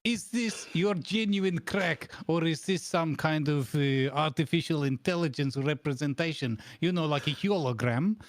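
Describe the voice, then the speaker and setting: Guy doing a deadpan bossy interviewer, mock formal, bit high pitched, very dry mic, improv comedy stream. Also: normal speed, few pauses, dry recording, lightly acted. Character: deadpan, bossy male boss interviewing absurd job candidates. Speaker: stream host playing interviewer. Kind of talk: improvised comedy role-play.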